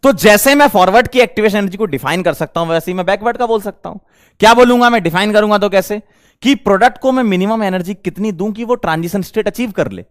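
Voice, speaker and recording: Guy teaching chem in class, high smooth voice, keeps asking the students questions. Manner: quizzing students with quick questions. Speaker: chemistry teacher. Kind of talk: classroom lecture.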